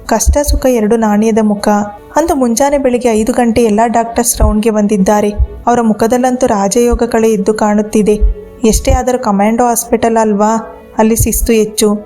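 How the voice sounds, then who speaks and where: Woman narrating over soft music. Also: on the high side. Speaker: storyteller. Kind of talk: first-person emotional story narration.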